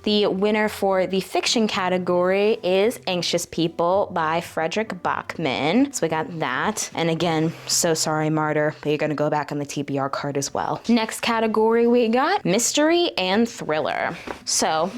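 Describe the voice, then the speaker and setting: A woman with a fairly low voice hosts a casual book vlog. She talks chattily and directly to her viewers, and she also speaks aloud to her crystal pendulum as she asks it questions. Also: normal speed. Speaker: book vlogger.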